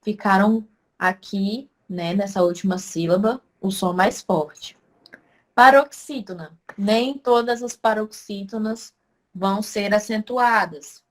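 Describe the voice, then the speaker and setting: A woman's voice: mid-range voice, slow pace. Woman teacher stressing syllables. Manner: explains step by step, answers her own questions; stresses syllables loudly to demonstrate. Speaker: Portuguese language teacher. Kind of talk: online class lesson.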